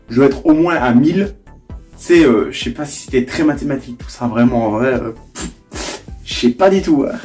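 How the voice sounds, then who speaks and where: A man's voice: a little high, a little mellow. A young man, vlogging casually and rambling with restarts. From Belgium. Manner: rambling, leans on filler phrases and restarts. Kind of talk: casual vlog.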